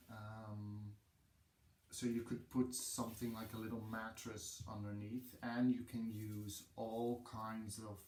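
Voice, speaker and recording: A man's voice: fairly low pitch, darkish tone, echoey room, recorded from a distance, slight background noise. A man with a Dutch accent, a yoga teacher, talking casually to camera with many hesitant ums. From Netherlands. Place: room with a wooden floor.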